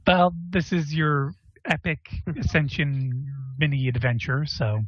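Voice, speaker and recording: A man's voice: on the high side, dry recording. Man running a tabletop game, lo-fi sound. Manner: explains rules while looking them up, many pauses. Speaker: game master.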